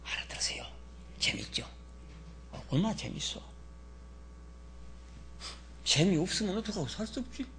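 A pastor preaching to a congregation, swinging from loud dramatic outbursts to soft near-whispers. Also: male voice, high voice, sing-song, unhurried, vocal fry, long pauses, a little hiss or hum. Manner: dramatic, shouts in character then drops to near whispers. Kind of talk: sermon with congregation repeating verses.

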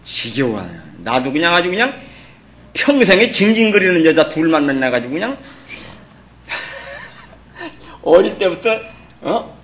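A man's voice: high-pitched, wildly swooping pitch, a little slow, long pauses, a bit bright, slight background noise. A middle-aged man preaching a sermon as pastor, blunt and colloquial, teasing and scolding his congregation.

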